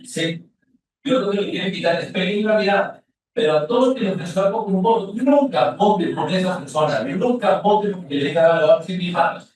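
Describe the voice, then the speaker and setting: A man's voice: fairly high pitch, recorded from a distance. A man talking persuasively while campaigning in the street, heard from a played video clip. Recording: played video clip with echo and faint noise.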